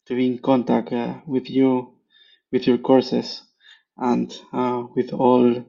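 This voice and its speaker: A man from Peru leaving a recorded question for a podcast, halting and polite, with frequent pauses and fillers. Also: medium pitch, vocal fry, mellow, muffled recording. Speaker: caller.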